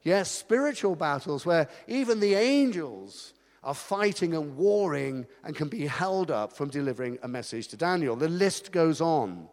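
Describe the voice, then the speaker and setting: A man's voice: a little high, animated, normal speed, a little mellow. A man preaching a sermon as pastor, chatty and self-mocking, in a church hall. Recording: long hall reverb.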